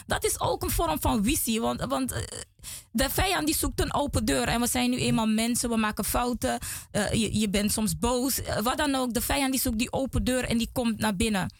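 A woman's voice: on the high side, moderate pace, vocal fry, dry recording. A woman guest in a small studio giving an emotional religious testimony, earnest and repeating words as she talks.

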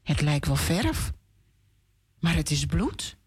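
A woman on children's radio reading a Bible story aloud in a clear, expressive way. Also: sits low, takes it slowly.

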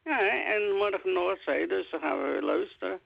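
An older woman phones in with a gravelly creak in her voice. She chats in a folksy, teasing, colloquial way. The line is dull and lo-fi, with a dry, close sound. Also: fairly low pitch, moderate pace, no echo. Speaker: regular radio phone-in caller. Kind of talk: casual chat. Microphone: telephone.

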